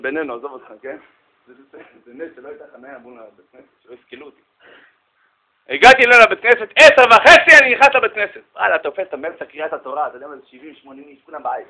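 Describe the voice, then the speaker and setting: A man giving a humorous storytelling talk, animated and jokey, speaking straight to his listeners. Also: sits high. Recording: tinny phone-like sound.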